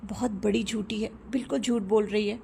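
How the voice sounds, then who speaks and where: A woman voicing a joking, teasing husband and father who speaks quietly. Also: mid-range voice, steady tone, brisk, gravelly, a little hiss or hum, close to an everyday voice. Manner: hushed, joking.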